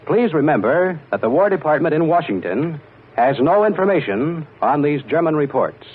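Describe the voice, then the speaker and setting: A man reading a formal wartime news bulletin in a measured announcer's delivery, heard as an old 1940s radio broadcast played from the archive. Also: fairly high pitch, big pitch swings, slightly rough. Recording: tinny narrow-band archival radio recording.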